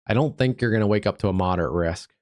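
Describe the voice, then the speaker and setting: A man hosting a live severe weather stream as a meteorologist, stuffed up from allergies, talking through the radar in an easygoing, halting way with many fillers. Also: lowish voice, darkish tone, smooth, no room sound. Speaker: digital meteorologist, livestream host.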